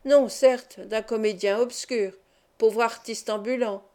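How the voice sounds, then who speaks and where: A woman's voice: fairly high pitch, fairly even intonation, slow, darkish tone. A woman reading the part of an earnest young actor in love, in a dreamy, eager manner, for an audiobook. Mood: ardent.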